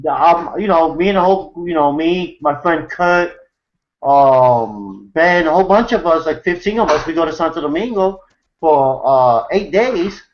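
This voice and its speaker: A man with a high, light voice tells a long story in loose, casual talk, stopping and restarting often. His voice comes through a video call with muffled, lo-fi sound. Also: animated, normal speed. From New York City, USA. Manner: rambling, many fillers and restarts. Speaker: host of an online hangout.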